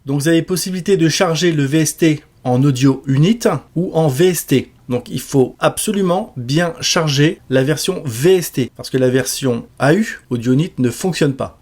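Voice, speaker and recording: A man giving a relaxed step-by-step music software tutorial with casual fillers. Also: on the high side. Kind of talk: screen-recorded software tutorial.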